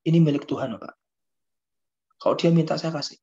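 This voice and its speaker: A man's voice: fairly high pitch, brisk, warm tone, dull audio, natural voice. A man quoting a humble, tearful male businessman who gives away his offerings, speaking earnestly.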